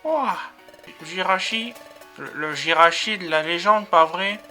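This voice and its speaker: A man's voice: high-pitched, measured pace, bright, forceful tone, faint music behind, voice pushed up, full character voice. A man voicing a naive, eager young Pokémon that stammers and uses old-fashioned exclamations.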